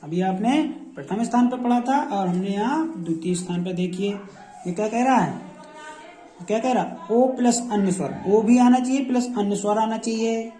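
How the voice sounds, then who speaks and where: A man's voice: high-pitched, moderate pace, mellow. Echoey repetitive Hindi shorthand teacher man. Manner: repetitive, drills each word aloud several times. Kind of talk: classroom lesson. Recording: echoey room.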